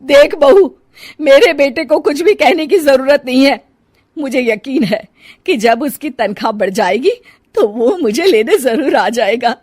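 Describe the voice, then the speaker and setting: Lady playing older mom in a family story, plaintive n naggy, highish swoopy voice. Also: animated, measured pace, a little mellow, no room sound, studio quality. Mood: hurt, defensive. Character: sad older mother, curt with stepson, pining for own son. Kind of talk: acted dialogue in a Hindi family audio story.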